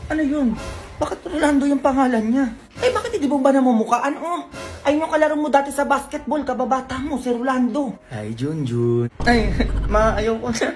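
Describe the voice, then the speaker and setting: Comic doing every role in a sketch, slightly high voice, faint music behind. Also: female voice, a little fast, a little mellow. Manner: switches between many characters. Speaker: comedy sketch creator playing all parts. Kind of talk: comedic sketch acting.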